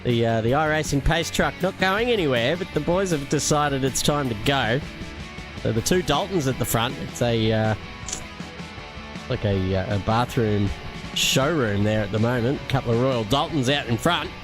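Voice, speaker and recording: A man giving live sim racing commentary, jokey and punning, with filler pauses. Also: medium pitch. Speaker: race commentator. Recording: music playing behind the voice. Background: background music.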